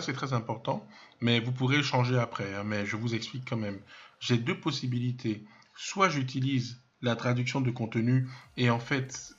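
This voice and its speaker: A man walks through a screen-recorded software lesson at a mid-range pitch. He stops and restarts often, fills gaps with hesitations, and cracks small jokes about himself. The audio is a little dull and lo-fi. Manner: hesitant, many fillers and restarts, thinks aloud while clicking; self-mocking asides. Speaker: web development trainer.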